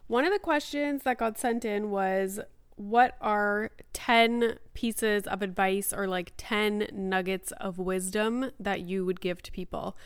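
A woman in her thirties hosts a casual solo podcast with a slightly nasal voice. Her tone is clean and smooth, and the sound is close and dry. She talks informally, like she is chatting to a friend. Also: medium pitch, steady tone, takes it slowly, no room sound. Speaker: podcast host.

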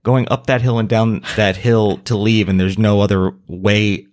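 A man's voice: lowish voice, little pitch movement, normal speed. Hesitant man thinking aloud. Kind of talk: casual conversation.

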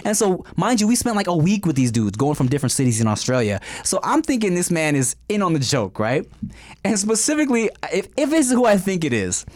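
Lively high-voiced man telling stories. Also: brisk. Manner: animated storytelling, swearing freely. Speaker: podcast co-host. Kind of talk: casual chat.

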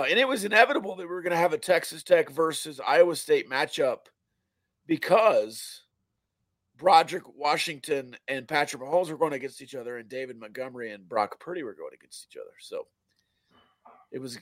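A man hosting a casual football talk show, his voice hoarse, raspy and strained. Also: a little high, lively intonation, a little fast, fairly bright tone, no echo. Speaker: sports show host.

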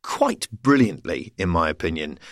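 A man's voice: deep voice, very animated, normal speed, no room sound, clean studio sound. A man chatting as a comedian guest on a panel, playful and laughing as he rambles through asides. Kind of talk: casual panel chat.

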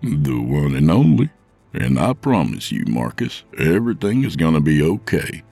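Biker Santa, man doing it: very low, rough, husky, gentle with kids. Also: big pitch swings, moderate pace, dry recording, soft background music, exaggerated voice. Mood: soothing. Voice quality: deep gravelly. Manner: soothing, warm with kids, growls at villains.

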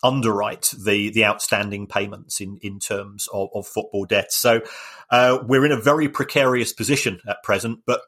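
A man co-hosting a podcast, explaining football finance in a measured way with many fillers and restarts. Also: on the low side, fairly even intonation, a bit bright. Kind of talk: casual podcast chat.

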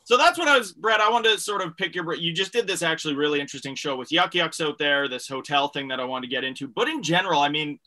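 A man with a bright, forward voice, pitched a little high. He talks as a show host in a casual interview, informal and wordy, running his thoughts together conversationally. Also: lively intonation, quick pace, hardly any pauses.

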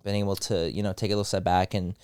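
Young guy podcast co-host, talks super fast, gushy and emphatic, says like constantly. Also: sits low, level tone, darkish tone, clean tone. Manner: gushing and emphatic, with heavy "like" and "literally"; casual swearing. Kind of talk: casual podcast chat.

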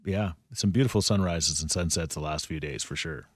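A man's voice: deep voice, a little fast, slightly rough, dry recording. A man hosting a morning radio show in the upbeat manner of a radio contest promo, on a studio microphone.

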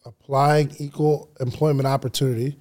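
A man's voice: mid-range voice, flat delivery, normal speed, darkish tone. A man hosting and coaching in casual slang, asking blunt, challenging questions. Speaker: hot seat host, coach. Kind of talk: casual, probing interview.

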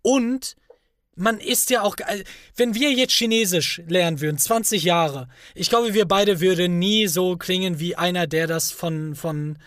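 A man's voice: high-pitched, unhurried, a bit bright, no echo, clean studio sound. A man co-hosting a podcast, chatting casually and arguing his points earnestly at length. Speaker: podcast co-host.

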